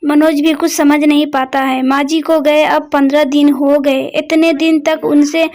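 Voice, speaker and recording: High-voiced woman narrating a story. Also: flat delivery, measured pace, a little mellow.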